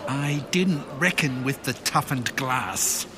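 A man caught in a time loop, speaking very slowly and with lively pitch, played by an actor. Audible background noise sits behind him in this radio play. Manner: slow, deliberate, then urgent. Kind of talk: audio drama for language learners.

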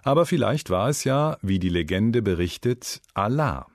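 A low-voiced man narrates a German learning program, reading an educational script for language learners as a lively story with lots of rise and fall in pitch. His pace is moderate, and the sound is dry and close, like a studio booth with no room sound.

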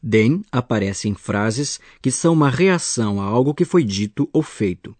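A man's voice: medium pitch, expressive, normal speed, background noise. A man acting as a teacher, patiently explaining grammar in a scripted radio lesson. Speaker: language teacher.

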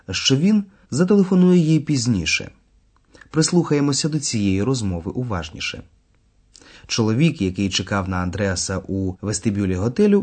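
Male course narrator, husky, animated pitch, scripted. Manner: clear, explanatory. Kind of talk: scripted radio-lesson narration.

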